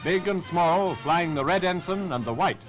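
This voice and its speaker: A man's voice: high-pitched, moderate pace, rough recording. A man with a British Received Pronunciation accent reading scripted 1940s newsreel narration in a formal, rousing, patriotic manner. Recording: 1940s newsreel with music behind. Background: music.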